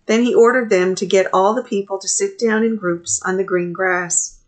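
A middle-aged woman priest leading a morning prayer service from a small office, reading scripture and prayers in a measured, steady way into a webcam. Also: mid-range voice. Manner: measured, steady reading with pauses between phrases. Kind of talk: reading a liturgy aloud. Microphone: webcam at desk distance.

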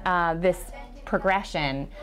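Low-voiced woman explaining calmly. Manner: measured, explanatory, lightly joking. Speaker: teacher giving a school tour. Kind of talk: conversational explanation. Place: school classroom, indoors.

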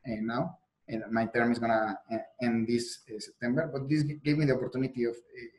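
Over a video call from a room indoors, a young adult PhD student from Mexico answers interview questions sincerely, his Mexican Spanish accent evident since Spanish is his native language. The audio quality is poor. His mid-range, somewhat mellow voice has a level tone and fairly quick pace, and he frequently restarts sentences and fills gaps with fillers.

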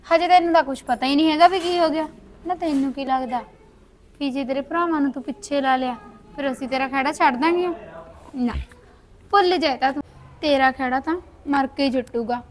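A woman's voice: sits high, fairly quick, a little hiss or hum, natural voice. A woman acting a spiteful sister-in-law who taunts and orders around her widowed relative in a short village drama. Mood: cold. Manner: scolding, taunting, commanding. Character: cruel scheming sister-in-law, bossy and spiteful.

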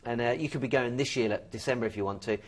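A man hosting a TV travel shopping show, pitching holiday deals with upbeat, salesy energy. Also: fast. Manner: upbeat, salesy, pitch rises when excited. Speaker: TV shopping host. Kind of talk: enthusiastic sales presentation.

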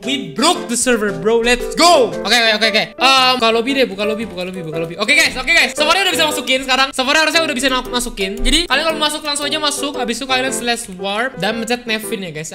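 Excitable high-voiced young gamer. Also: male voice. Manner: excitable, laughs often, slips into English slang. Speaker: gaming YouTuber. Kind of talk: live gameplay commentary. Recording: voice over loud background music. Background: background music.

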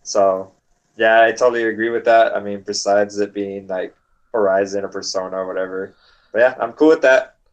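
A man's voice: on the low side, fairly even intonation, fairly quick, lo-fi sound. A young man co-hosting a gaming podcast in casual, swear-filled chat. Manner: laid-back, swears freely. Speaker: podcast co-host.

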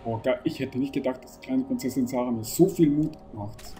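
A man commentating a horror game playthrough, excitable, urging the game character on and swearing when it gets tense. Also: mid-range voice, brisk, faint music behind. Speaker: gaming channel host.

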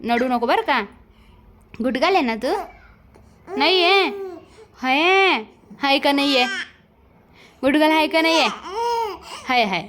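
A woman's voice: high-pitched, expressive, takes it slowly, pauses often. A young woman, a mother, talking baby talk to her infant in a coaxing, sing-song way and imitating baby speech. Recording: clear background noise.

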